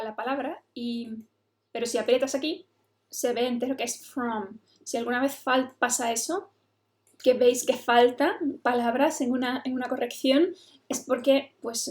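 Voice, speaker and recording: A woman's voice: on the high side, a little mellow. A woman English teacher, patiently explaining a lesson. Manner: explains patiently, switching between English and Spanish.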